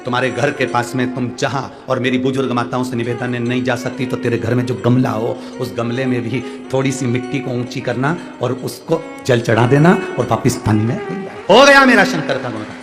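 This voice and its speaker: A man's voice: medium pitch, a little fast, hardly any pauses, music in the background. A male preacher from central India gives a devotional sermon to a live crowd on a stage mic. He answers listeners' letters with homely examples and urges the crowd to call back. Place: large outdoor stadium gathering.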